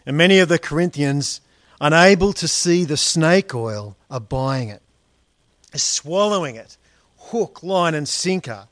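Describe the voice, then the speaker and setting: Slow, wry preacher man. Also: on the high side, animated, a bit bright, dry recording, clean studio sound. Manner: wry, sarcastic asides, addresses listeners as friends and guys. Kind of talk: expository sermon on a Bible letter.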